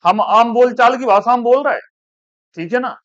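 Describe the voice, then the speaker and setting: A male teacher from India dictating words to a class one by one, repeating each slowly. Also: extremely high pitch, fairly bright tone, no echo. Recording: dull, dry classroom recording.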